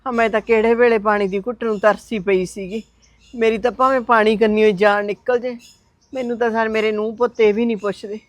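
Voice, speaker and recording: A woman's voice: fairly high pitch, steady tone, a little fast, dry recording, natural voice. A woman playing a frail old mother-in-law who pleads and complains in a sighing voice in an amateur short film. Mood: grateful.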